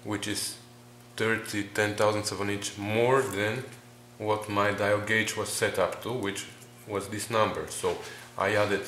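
A man narrates a workshop tutorial. He works through numbers methodically, with pauses and fillers. Faint ambient noise sits behind him in the garage. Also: on the low side, bright, forceful tone. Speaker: home mechanic explaining engine measurements.

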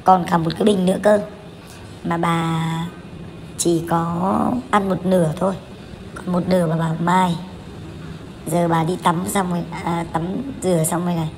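A woman's voice: fairly low pitch, level tone, moderate pace, long pauses, darkish tone, slight background noise. A woman in her thirties narrating a family vlog as voice-over, candid and chatty, with many fillers and restarts. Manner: candid, chatty, with frequent fillers and self-corrections. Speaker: vlogger.

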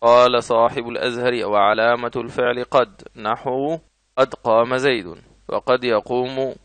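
A man with an Egyptian Arabic accent explains grammar in an ordinary middle-pitched voice. He reads each example twice and then asks and answers his own questions. The recording is dry and close, with no room sound. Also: little pitch movement, moderate pace, fairly bright tone, clear, resonant tone, dry recording. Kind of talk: explanatory lesson.

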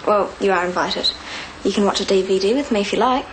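An actress playing a guarded, prickly young student in a TV soap, with a New Zealand accent. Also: female voice, medium pitch, quick pace, a little hiss or hum, natural voice, low-quality recording. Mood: brisk, teasing. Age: young adult. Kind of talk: naturalistic TV soap acting. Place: indoors, small flat.

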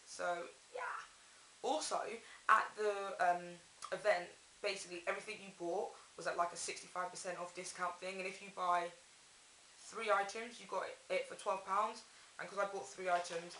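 Echoey young woman, bright voice. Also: mid-range voice. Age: young adult. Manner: chatty, rambling, self-correcting. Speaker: haul vlogger. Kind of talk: casual chat to camera. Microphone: camera mic at arm's length. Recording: echoey bathroom, audible hiss.

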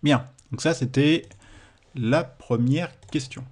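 A teacher with a French accent speaks at a slow pace and medium pitch, walking through a computing exercise in a screen-recorded tutorial. He hesitates and corrects himself along the way.

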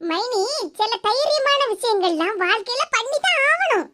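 A woman's voice: very high-pitched, animated, unhurried, sharp tone, a little hiss or hum, full character voice. A woman voicing a talkative young co-mother-in-law who reasons at length, in a cartoon, with a Kanyakumari Tamil accent. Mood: chatty reasoning. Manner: talkative, explains at length, laughing.

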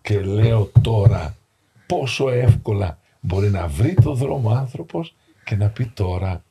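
A middle-aged man, an Orthodox priest, telling a moving story as a guest on a podcast, acting out the dialogue and sinking to hushed tones. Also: lowish voice, lively intonation, slightly rough. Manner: acts out dialogue in shifting voices, drops to hushed tones. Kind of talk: emotional storytelling in a podcast interview. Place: podcast studio, seated on a sofa.

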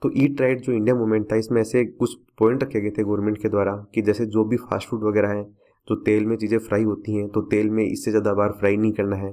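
Guy explaining exam current affairs, lowish mellow voice, keeps repeating what to remember. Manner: explanatory, repeats key facts for students. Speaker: exam prep teacher.

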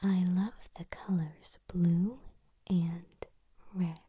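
A woman in her twenties doing whispered role-play as an ASMR coach, speaking in a breathy, soothing, soft bedside voice very close to the mic. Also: lowish voice, steady tone, extremely slow. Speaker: ASMR host leading vocal warm-ups. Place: small room at home, indoors. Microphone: close to the mic, leaning in.

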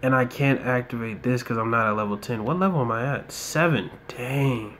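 This young man from the United States gives easygoing commentary on a mobile football game from an indoor room, with muttered asides and occasional rants. Medium in pitch and moderate in pace, the recording carries a faint hiss or hum.

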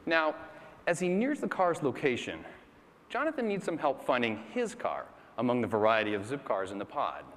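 A man narrating a product demo on a keynote stage in a lively, scripted way. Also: mid-range voice, normal speed. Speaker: guest presenter. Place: large conference hall stage. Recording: large hall with audience murmur.

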